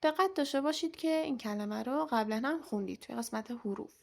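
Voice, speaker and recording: A young woman teaching an English vocabulary lesson, saying each word slowly and clearly, then repeating it, with quick explanations in between. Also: on the high side.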